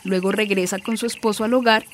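A woman's voice: mid-range voice, fairly even intonation, fast talker. Patient mother narrating. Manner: patient, explaining. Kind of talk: educational radio drama narration.

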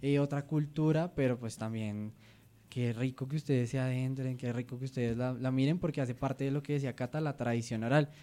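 A man co-hosting a podcast, talking in a relaxed way and repeating words while he searches for the next one. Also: mid-range voice, fairly quick. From Colombia. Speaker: podcast co-host. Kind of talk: casual radio chat.

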